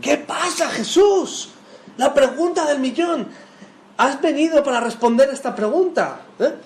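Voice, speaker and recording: A man voicing a puzzled, unsure grown man who rambles hesitantly in a raised, mock-innocent voice. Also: a little slow. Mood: mock bewildered. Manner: rambling, hesitant, high and animated. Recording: echoey room with faint noise.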